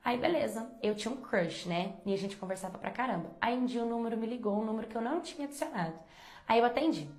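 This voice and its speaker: A woman's voice: on the high side, expressive, fast, a little mellow, roomy sound. A woman telling a personal story in a chatty, confiding way, full of casual fillers.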